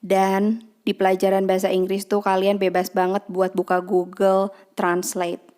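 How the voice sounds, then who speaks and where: A young woman teaching a casual online English lesson, chatty and warm in tone to her students, slowing down and lifting her voice to repeat each example phrase. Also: mid-range voice, monotone.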